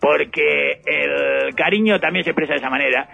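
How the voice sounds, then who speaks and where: A man, a radio host in comic banter, deadpan, calling the others "señor". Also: fairly high pitch, normal speed, vocal fry, lo-fi sound, soft background music. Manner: deadpan, keeps addressing others as "señor", bursts into chanting shouts.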